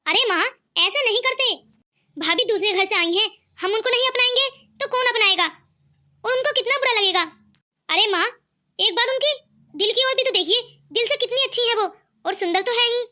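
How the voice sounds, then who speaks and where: This is a good-natured young man in a cartoon who argues kindly with his mother, with a woman doing the voice. The voice sits very high and sounds bright. He talks in an earnest, pleading way. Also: moderate pace. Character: kind cheerful young man, brother-in-law. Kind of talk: cartoon voice acting.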